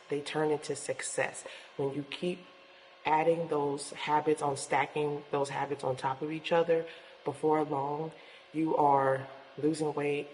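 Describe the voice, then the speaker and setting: A woman's voice: sits low, a little mellow. Woman vlogging in an echoing gym. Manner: encouraging, addresses viewers directly. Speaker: fitness vlogger and host. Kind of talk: casual motivational vlog talk to viewers. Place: indoors in an apartment building gym. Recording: echoing gym, long reverb, faint noise.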